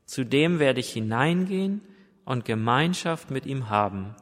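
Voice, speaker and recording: A man voicing Jesus as a gentle grown man who asks soft, pleading questions. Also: medium pitch, lively intonation, a little slow, lightly acted. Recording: long hall reverb.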